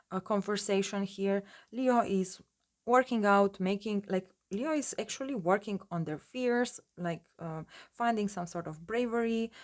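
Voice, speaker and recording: A woman giving a casual tarot reading in her just-woken morning voice, rambling with many fillers and restarts. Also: mid-range voice. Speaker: tarot reader.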